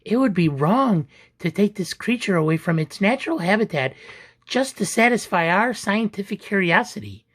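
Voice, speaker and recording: A man voicing a principled, dramatic female mouse in a storybook, high and earnest. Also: lively intonation, moderate pace, a bit bright. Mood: earnest, firm. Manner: high-pitched, earnest, exclaiming. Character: principled, dramatic young female mouse assistant, damsel in distress.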